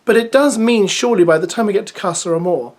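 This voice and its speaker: A vlogger with a middling-pitched voice recaps a dating show, first reading an episode preview and then chatting with her opinions. She talks fast, chatty and opinionated, dropping exasperated asides.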